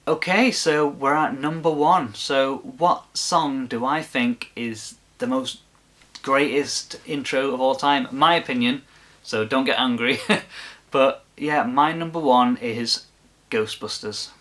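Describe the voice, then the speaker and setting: A man's voice: mid-range voice, takes it slowly, fairly bright tone. A man hosting his own video, talking casually and gushing with enthusiasm in a rambling way. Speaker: video host. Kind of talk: casual chat to camera.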